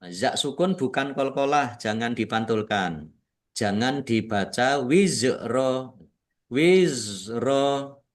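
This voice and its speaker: A man from Indonesia teaching Quran recitation rules, patiently explaining each rule and drawing out the words he recites. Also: mid-range voice. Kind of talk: tajwid lesson with slow recitation.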